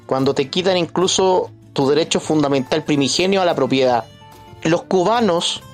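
A man commenting as a guest in a podcast discussion, emphatic and deliberate. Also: on the high side.

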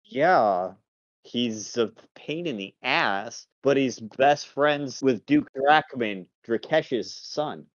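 A man doing a shrewd captive spy, steady and measured in his answers. The sound is dull and lo-fi, with a very dry, close feel. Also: medium pitch, no echo. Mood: matter-of-fact. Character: shrewd male captive spy, calm and loyal to his lord. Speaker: game master. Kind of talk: tabletop role-play.

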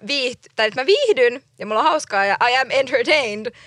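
A woman's voice: sits high, animated, fairly bright tone, no echo, studio quality. A woman in her late twenties co-hosting a podcast, chatting casually with a self-conscious tone. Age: 20s. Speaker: podcast co-host. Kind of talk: casual chat.

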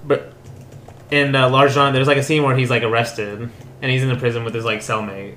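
A man co-hosting a casual film podcast, chatty and quick. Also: medium pitch, level tone, sharp tone, echoey room, a little hiss or hum. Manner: quick, chatty, laughs often. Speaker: podcast co-host.

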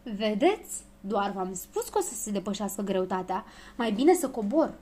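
A woman's voice: mid-range voice, sing-song, warm tone. A woman reading aloud, voicing a fussy, obliging little male dwarf who talks politely and frets. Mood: fretful. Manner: polite, fretful and self-effacing.

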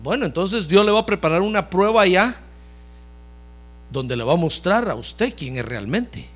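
A man's voice: high-pitched, moderate pace. A man preaching a sermon as pastor, talking straight to his listeners and often calling them brother. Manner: animated preaching that repeatedly addresses listeners as brother.

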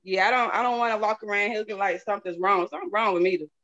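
Amid crowd noise, a Southern-accented woman talks very fast at a medium pitch with fairly even intonation. She's an interview guest who sells a product, and her testimonial is casual, candid, and folksy, with repeated phrases for emphasis. Audio quality is dull and lo-fi.

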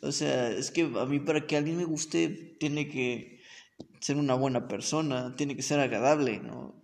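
A young man with a Mexican accent, telling a story in an animated, slangy, self-mocking way. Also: mid-range voice, normal speed, gravelly, long reverb tail. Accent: Mexican Spanish. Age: young adult. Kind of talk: casual storytelling chat.

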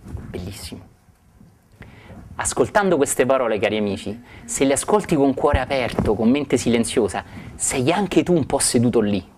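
A male spiritual teacher retells a sacred story. He pauses often to marvel at it and to turn to his listeners with warm asides. His voice sits at a middle pitch, with a faint hiss behind it. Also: animated.

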